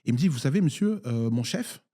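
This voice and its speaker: A man from Nigeria, serving as a municipal councillor, speaks in a political debate with an animated yet mellow, dark voice pitched in the middle. His speech is hesitant, peppered with fillers and frequent restarts.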